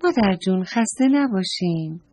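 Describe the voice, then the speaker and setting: A woman's voice: mid-range voice, expressive, warm tone, breathy edge, no room sound. A woman voicing a polite, eager little boy in a children's story, speaking earnestly and respectfully and asking worried questions. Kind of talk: storybook read-aloud.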